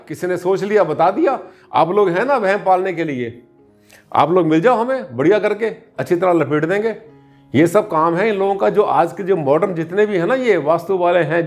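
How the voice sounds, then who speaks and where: Man, slightly high voice, vastu consultant, chatty and teasing, rhetorical questions, faint music behind. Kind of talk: casual spoken explainer to camera.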